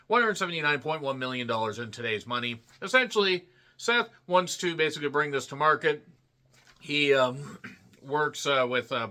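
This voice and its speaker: Male reviewer, thirties, bright and sharp, loose jokey delivery full of wordplay. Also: medium pitch. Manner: jokey, rambling asides with wordplay and self-mockery. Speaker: film reviewer. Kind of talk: casual solo movie review.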